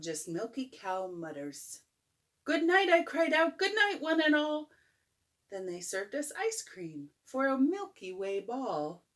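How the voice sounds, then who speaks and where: An older woman, a grandmother, reading a bedtime story aloud in an expressive, playful way, as if to a child. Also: a little high. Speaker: grandmother reading a picture book. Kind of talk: bedtime story read-aloud with chatty asides.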